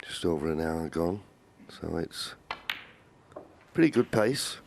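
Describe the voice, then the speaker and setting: A man giving measured, understated live snooker commentary as a match commentator. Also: low voice, expressive, gravelly. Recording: crowd and arena noise behind. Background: snooker arena audience ambience.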